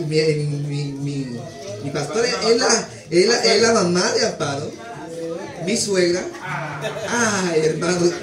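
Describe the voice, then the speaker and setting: A man's voice: sits high, echoey room, far from the mic. A man preaching, giving an emotional testimony and calling his listeners brother again and again. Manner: emotional, keeps addressing listeners as "hermano". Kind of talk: sermon testimony. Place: church.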